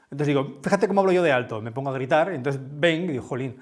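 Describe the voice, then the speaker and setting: A man from with a big, booming voice gives a conference talk in a lecture room, speaking conversationally and often checking in with his listeners. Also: lively intonation, rapid-fire. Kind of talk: conference talk with audience questions.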